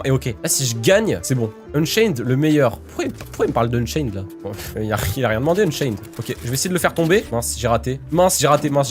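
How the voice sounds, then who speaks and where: A man narrating his own gameplay in an excitable way, full of quick exclamations. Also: medium pitch. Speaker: gaming YouTuber. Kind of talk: gameplay commentary.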